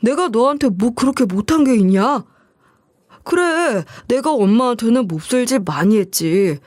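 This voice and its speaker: A woman's voice: a little high, animated, moderate pace, darkish tone, dry recording, clean studio sound, lightly acted. A woman voicing a greedy, scornful middle-aged ex-husband who wheedles and sneers in coarse speech. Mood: wheedling.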